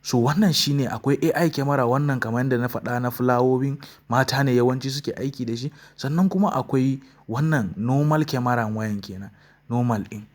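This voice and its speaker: A man's voice: medium pitch, fast, a little mellow. Nigerian Hausa man presenting a gadget review. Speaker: tech review channel host. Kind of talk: phone unboxing and review narration.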